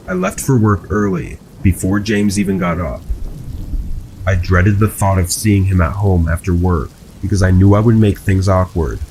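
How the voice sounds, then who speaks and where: A man with a very low, deep voice reads a first-person horror story in a calm, even, scripted way. Soft rain patters faintly behind him. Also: noisy background. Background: rain sounds.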